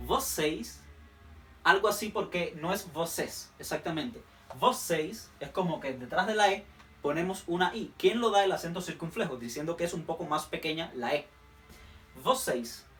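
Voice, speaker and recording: A man teaching a language lesson, patiently repeating words slowly for learners. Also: sits high, a bit bright, far from the mic. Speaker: Portuguese teacher.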